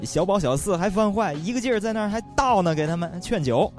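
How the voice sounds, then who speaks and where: A man telling a comic story in a lively, playful way. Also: high voice, fast talker, faint music behind. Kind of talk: comedic storytelling.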